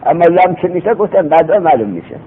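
A man teaching a seminary grammar lesson, explaining patiently and repeating himself, asking rhetorical questions. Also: very animated. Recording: tinny phone-like recording with faint rumble.

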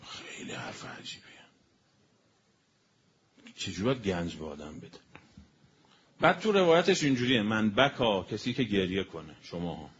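A man giving a colloquial religious sermon as a preacher. He spells out word meanings slowly and with emphasis, then speeds up. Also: lowish voice, sing-song. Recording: dull lo-fi recording with faint noise.

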